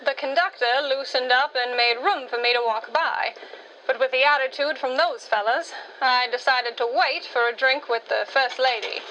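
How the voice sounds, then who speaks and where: Self-assured woman narrator for a radio story, high and bright, witty delivery. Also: slight background noise, low-quality recording.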